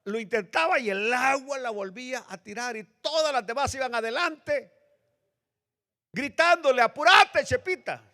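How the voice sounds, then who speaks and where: A male pastor preaching a sermon with dramatic swings between loud, high bursts and low, hushed lines. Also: moderate pace, few pauses. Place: church sanctuary. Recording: long reverb of a church hall.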